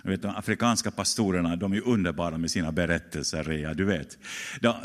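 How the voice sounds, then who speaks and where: A pastor telling a story in a conversational sermon, with many restarts and rhetorical questions. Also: male voice, low voice, fairly even intonation. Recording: long church hall reverb.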